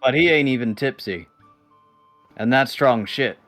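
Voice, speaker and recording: A man playing a blunt, rough-talking pirate boss who swears and uses folksy slang, at a mid pitch. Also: measured pace, fairly bright tone, soft background music, lightly acted. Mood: blunt, suspicious.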